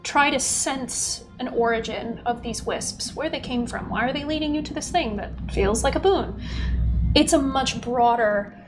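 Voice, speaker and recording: A woman narrating a tabletop game as game master, describing scenes in halting, piece-by-piece phrases. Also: high voice, low-quality recording. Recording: background music.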